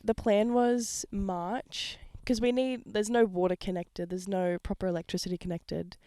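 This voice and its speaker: A young woman co-hosting a podcast in casual chat, earnest and explaining things plainly, her voice hoarse from being sick. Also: mid-range voice, steady tone, moderate pace, mellow, no room sound. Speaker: podcast co-host. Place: outdoors, lying in a hammock.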